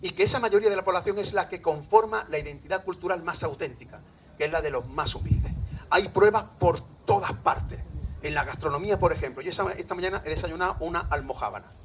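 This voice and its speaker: A man's voice: high voice, quick pace, fairly bright tone, slight background noise, poor audio. A middle-aged man from Andalusia with an Andalusian Spanish accent gives a live public talk as a lecturer, often quizzing his audience. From Andalusia, Spain.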